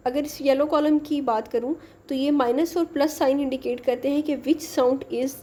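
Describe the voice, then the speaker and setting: Slow, explaining woman teacher. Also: on the high side, dark tone. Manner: explains slowly, mixing English terms into Hindi-Urdu speech. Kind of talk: exam-prep lecture.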